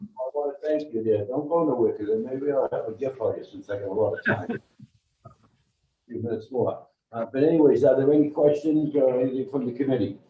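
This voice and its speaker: A man's voice: medium pitch, normal speed, slight background noise. A man chairing a committee meeting, talking in a loose, casual, joking way. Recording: echoey room from far off, tinny line.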